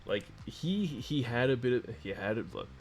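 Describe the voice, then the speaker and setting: A man's voice: medium pitch, lively intonation, moderate pace, slight background noise. A man streaming a video game, telling a long story in a casual, profane, rambling way and laughing often. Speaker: gaming streamer.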